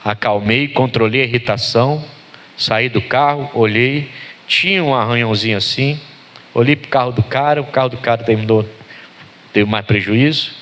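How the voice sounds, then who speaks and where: A middle-aged man with a Brazilian Portuguese accent, a pastor preaching a sermon and telling stories, swinging from low calm to loud emphatic lines. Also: moderate pace, slight background noise.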